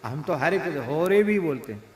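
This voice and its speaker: A man's voice: fairly high pitch, lively intonation, a little hiss or hum. Man preaching in an echoey hall. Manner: sings devotional verses slowly, explains with playful imitation of mispronunciations. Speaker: spiritual preacher. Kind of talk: devotional sermon with sung verses. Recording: roomy echoing hall.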